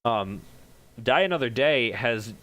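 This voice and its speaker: A man co-hosting a casual movie podcast, excitable and swearing casually as he talks. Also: mid-range voice, a little slow. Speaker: podcast co-host.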